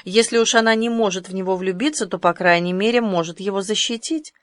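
A woman reading a novel aloud as an audiobook narrator, measured and expressive, recorded close to the mic. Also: mid-range voice, no room sound. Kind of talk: scripted narration.

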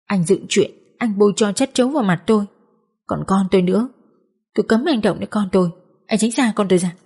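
A woman's voice: medium pitch, fairly quick, darkish tone, breathy edge. A woman voicing an anguished wife and mother pleading with her husband, reproachful in tone.

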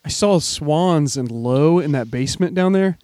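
A man's voice: on the high side, expressive, unhurried, a little mellow, no echo. Chatty man asking loose questions. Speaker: interviewer. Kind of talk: casual interview chat.

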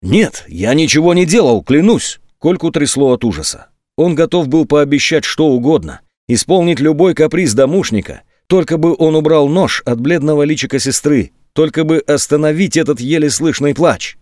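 A man narrating a tense literary audiobook in a measured storytelling voice. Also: on the high side, animated, a little mellow, no room sound, studio quality.

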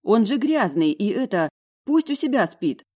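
A woman's voice: mid-range voice, big pitch swings, moderate pace, warm tone, pitched above the performer's own voice. Woman reader doing a cheeky talking dog, young male, boastful, teasing, fantasy audiobook. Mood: grumbling. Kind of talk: audiobook character voice.

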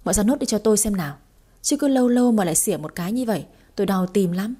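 Woman doing a grumpy exasperated young husband in an audiobook, warm breathy tone. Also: mid-range voice, quick pace, natural voice. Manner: gruff, exasperated scolding. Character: hot-tempered young master, exasperated husband.

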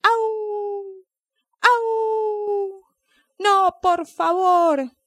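A woman's voice: high-pitched, expressive, no room sound, clean studio sound, pitched above the performer's own voice. Woman doing a whiny, scared male dog. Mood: whimpering. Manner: whiny, anxious, slow-thinking. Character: dim-witted, fearful male dog.

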